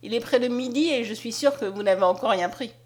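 A woman reading the lines of a kind, caring lady in a storybook, gentle and reassuring. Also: on the high side, fast talker, natural voice.

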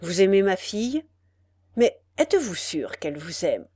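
A woman voicing an old, weary, repentant nobleman held prisoner, in a slow, grave delivery in a storybook reading. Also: mid-range voice, sing-song, darkish tone, breathy edge, dry recording.

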